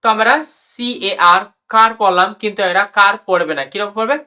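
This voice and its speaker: A woman speaking a little fast in a sharp, medium-pitched voice explains English pronunciation rules. She spells out letters, drills words and repeats every rule, calling viewers brother and sister.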